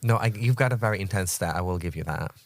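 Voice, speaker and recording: Low-voiced man, reflective podcast talk. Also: fast, dry recording. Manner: reflective, searching for words. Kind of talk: casual podcast conversation.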